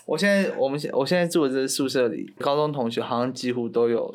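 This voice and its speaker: A young man from Taiwan, co-hosting a podcast and cutting in with quick, teasing questions. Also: medium pitch. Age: young adult. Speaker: podcast co-host. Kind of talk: casual chat.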